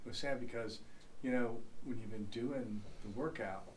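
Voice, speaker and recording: A man's voice: mid-range voice, normal speed. An older man, a podcast guest, talking in an easygoing, reminiscing way. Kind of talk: casual chat. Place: podcast studio. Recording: distant mic, noisy background.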